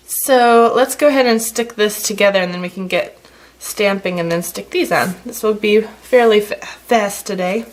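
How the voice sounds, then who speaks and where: A woman giving a casual, chatty card-making tutorial with plenty of fillers, a slight frog in her throat. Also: medium pitch. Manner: chatty, relaxed, many fillers. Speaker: stamping craft demonstrator.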